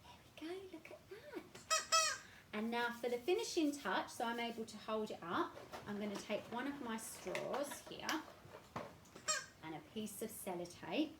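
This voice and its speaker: A woman leading a craft session and storytime for toddlers, speaking in a gentle, sing-song way aimed at small children. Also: on the high side, expressive, moderate pace, roomy sound, heavy background noise. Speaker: children's activity leader.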